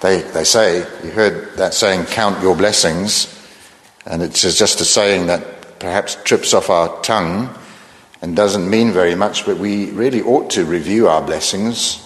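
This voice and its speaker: A man preaching a sermon in a measured, earnest way, often asking rhetorical questions. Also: sits low, a bit bright, in a large hall.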